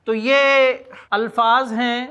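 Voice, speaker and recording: High, bright-voiced male Arabic teacher. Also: fairly even intonation, clear, resonant tone, dull audio. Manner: says each Arabic word slowly and repeats it, then explains its meaning. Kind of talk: vocabulary lesson in Urdu.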